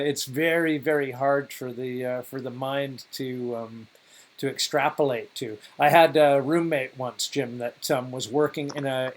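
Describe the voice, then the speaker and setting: A man co-hosting a casual podcast, rambling through stories, swearing and laughing often. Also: medium pitch. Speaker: podcast co-host.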